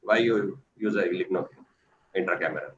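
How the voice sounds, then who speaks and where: A man in the audience asking a doctor questions, halting and searching for words. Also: low-pitched. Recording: dull, noisy online call audio.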